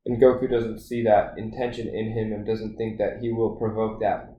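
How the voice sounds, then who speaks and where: A man co-hosting a podcast, talking in a casual, rambling way with lots of fillers and animated retelling. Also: lowish voice, normal speed, roomy sound, distant mic, highs cut off. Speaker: podcast co-host. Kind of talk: casual chat.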